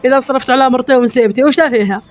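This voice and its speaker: A man's voice: extremely high pitch, racing, dry recording. A man playing a defiant grown son who firmly lectures his nagging mother in a comedy sketch. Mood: firm lecturing. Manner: firm, lecturing, defensive.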